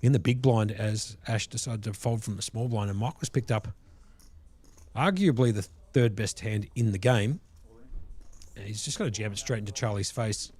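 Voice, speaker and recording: A man's voice: fairly low pitch, moderate pace, a little mellow, breathy edge. A man doing live play-by-play poker commentary in colloquial, slangy language. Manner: colloquial, slangy turns of phrase.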